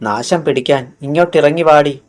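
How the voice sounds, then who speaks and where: A man's voice: fairly high pitch, moderate pace, faint music behind, natural voice. A man voicing a harsh, scornful woman schoolteacher in an audiobook, scolding with contempt. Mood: irritated.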